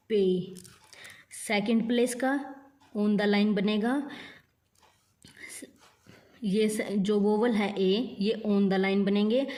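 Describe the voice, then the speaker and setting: A woman teaching a shorthand lesson step by step, saying each word and letter slowly and repeating them. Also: medium pitch, a little mellow.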